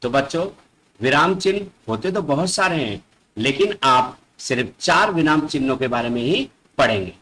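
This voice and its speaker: A man's voice: fairly high pitch, expressive, normal speed, fairly bright tone, slight background noise, low-quality recording. A man teaching a recorded grammar lesson to young schoolchildren, speaking patiently, checking in with the class and repeating each definition. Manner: patient, addresses the children often and repeats definitions.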